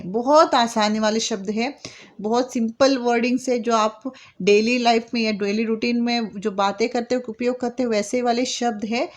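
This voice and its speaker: A woman teacher with an Indian accent, patiently explaining a poem to young schoolchildren in simple words and repeating points often. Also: a little high. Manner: reads poem lines slowly and sing-song. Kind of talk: classroom lesson explaining a poem to children.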